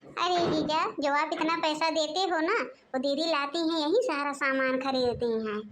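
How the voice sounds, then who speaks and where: A woman's voice: high voice, moderate pace, slight background noise, close to an everyday voice. A woman voicing a scheming young daughter-in-law in a cartoon, sweet-talking and sly.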